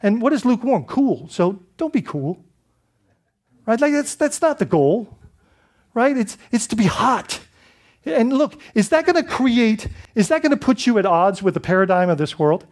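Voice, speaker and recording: Very animated and speaking at a moderate pace, a pastor from the Bahamas with a high-pitched voice delivers his sermon. He keeps it loose and conversational, restarting phrases and posing rhetorical questions to check in with the congregation.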